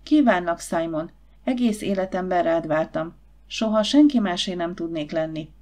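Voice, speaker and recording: A woman voicing a young, eager, obliging and tender woman in an audiobook, speaking softly and earnestly. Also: on the low side, close to an everyday voice.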